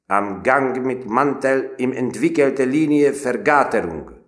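A man's voice: medium pitch, animated, roomy sound, pitched above the performer's own voice, close to an everyday voice. Man doing a roaring stern drill sergeant. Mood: barking drill. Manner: barked commands, loud. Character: harsh stern male drill sergeant barking orders.

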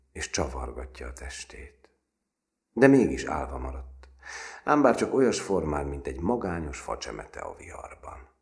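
A man reading a novel aloud as an expressive audiobook narrator. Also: extremely low pitch. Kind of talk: scripted narration.

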